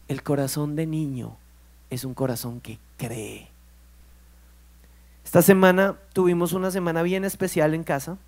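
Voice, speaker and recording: A man, preaching a sermon as pastor and telling stories with acted-out dialogue. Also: a little high. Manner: animated storytelling, acts out dialogue.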